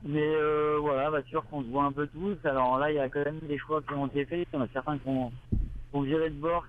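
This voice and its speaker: A man, a sailing race skipper, talking casually over a radio link from his boat, halting and full of hesitations. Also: a little high. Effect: heard over a crackly radio link from a boat. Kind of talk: casual live interview. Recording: tinny radio link from sea.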